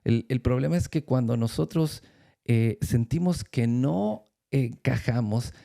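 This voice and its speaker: A man speaks as a church speaker in a faith-based talk, his voice gravelly with a deep, mellow darkness. He tells stories at an unhurried pace, pausing often and restarting his phrases as he gathers his thoughts. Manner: storytelling with many pauses and restarts.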